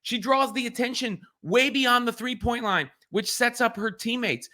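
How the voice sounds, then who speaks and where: A man's voice: very high voice, moderate pace, sharp tone. A man giving solo sports reaction commentary in an earnest way, often restarting his phrases as he thinks.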